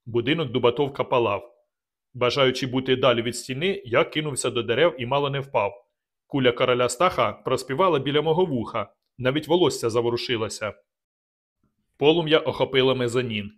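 A man narrating a first-person adventure novel aloud, reading with dramatic, measured delivery. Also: mid-range voice. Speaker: audiobook narrator. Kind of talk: scripted narration.

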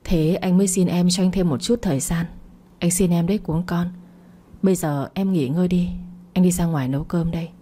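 Woman voicing pleading young man, persistent, low mellow tone, storybook reading. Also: steady tone, brisk, lightly acted. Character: young man pleading with his childhood friend.

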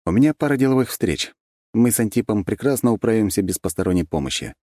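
A man's voice: lowish voice, lively intonation, fast, dark tone, no echo, pitched above the performer's own voice, close to an everyday voice. A man voicing a confident young prince in an audiobook, talking in a dry, commanding way. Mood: wry.

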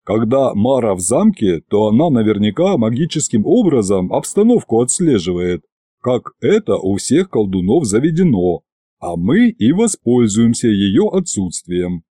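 A man voicing a cautious male adviser who speaks politely and formally in a low, hushed way. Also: sing-song, moderate pace, slightly rough, no room sound, clean studio sound. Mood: measured.

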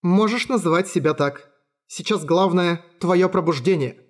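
A man's voice: sits high, moderate pace, voice pushed up, close to an everyday voice. A man voicing an eccentric teenage girl with grandiose fantasy talk, speaking in a solemn, mysterious, theatrical way for an audiobook.

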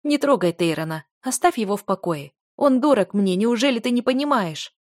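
A woman's voice: medium pitch, expressive, fairly quick, darkish tone, no echo, pitched above the performer's own voice, close to an everyday voice. A woman reads a fierce, stubborn young noblewoman who argues back with heat. The storybook voice is close and dry, with no room sound. She stands her ground in every line. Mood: defiant. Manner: defiant, heated.

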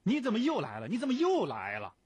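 A man shouting as a furious male prisoner. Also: on the high side, big pitch swings, normal speed, slightly rough, no echo, lo-fi sound, exaggerated voice. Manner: shouting, menacing demands.

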